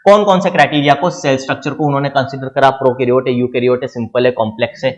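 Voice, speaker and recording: A man's voice: medium pitch, fairly even intonation, very fast, dull audio. A middle-aged man with an Indian accent teaching biology to exam students, explaining step by step with lots of rhetorical questions. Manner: explains with repeated rhetorical questions, calls listeners "children". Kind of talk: exam-prep lecture.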